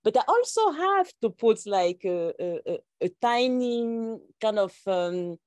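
Her voice is a little high and a little mellow, very animated but somewhat slow, with no room sound at all. She's a startup founder taking part in a panel on a video call from a plain-walled indoor room, speaking French as a non-first language and hesitating with many fillers and restarts.

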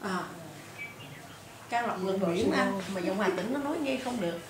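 A woman's voice: mid-range voice, lively intonation, normal speed, background noise. A woman telling stories animatedly in casual chat, laughing and mimicking others. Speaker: guest. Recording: echoey room, mic far off, crowd behind.

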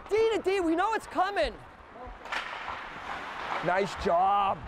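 A man's voice: extremely high pitch, huge pitch swings, slow, noisy background. A man coaching youth hockey from the bench, barking short commands and encouraging his players. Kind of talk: shouting instructions from the bench. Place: ice rink bench.

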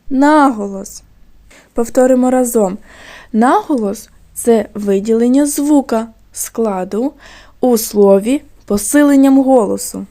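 A woman teaching young children in a recorded lesson, with a fairly high yet mellow voice. She speaks slowly and clearly, leaning on stressed syllables and drawing words out so the class can follow. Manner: slow, careful dictation with stressed syllables drawn out. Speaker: primary school teacher.

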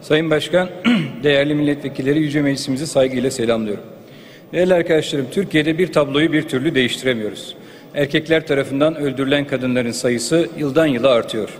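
A man's voice: mid-range voice, fast. A man, a member of parliament, giving a formal and earnest speech at a rostrum microphone in a large chamber. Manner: earnest, grave, listing figures and names. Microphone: speaking at a rostrum microphone. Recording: long reverb of a large hall.

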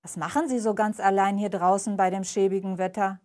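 A woman's voice: medium pitch, fairly even intonation, brisk, darkish tone, natural voice. A woman voicing a polite, concerned male care worker in a storybook reading. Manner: polite, worried.

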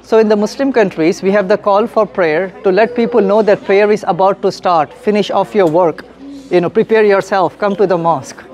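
A man's voice: high-pitched, steady tone, brisk, a little mellow. A young man from India, guiding visitors at a mosque and explaining to them in a friendly, explanatory way, often laughing. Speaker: mosque guide and educator. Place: mosque hallway, then classroom.

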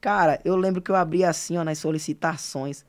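A man's voice: on the high side, fairly quick. A young man from Sergipe, Brazil, a singer telling stories as a podcast guest with lots of fillers. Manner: animated storyteller, filler-heavy. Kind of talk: casual interview chat.

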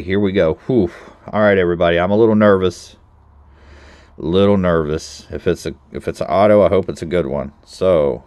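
Low-voiced excitable man opening card packs. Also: no echo. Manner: excitable, talks to viewers, bursts into loud exclamations. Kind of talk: casual pack-opening commentary.

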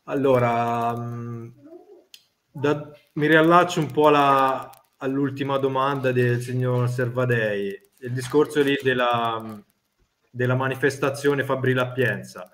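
A middle-aged man talks on a video call with a medium-pitched voice. He is polite and halting, repeating small words as he finds his sentences. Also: fairly even intonation, fairly bright tone. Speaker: artisan blacksmith, guest. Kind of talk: spontaneous talk on a live panel. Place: plain-walled indoor room. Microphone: device mic on a video call.

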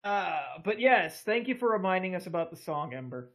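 A woman's voice: fairly low pitch, very animated, brisk, fairly bright tone. Foul-mouthed woman on a nerd podcast. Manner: swears freely, stumbles and repeats words. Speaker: podcast panelist. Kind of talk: casual group chat.

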